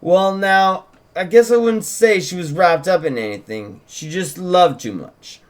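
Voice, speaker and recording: At a drama table read, a man stays in character as an eager young deputy from a small town. His voice sits high and carries polite, folksy deference, and he comes across as talkative, earnest and animated while speaking a little slowly.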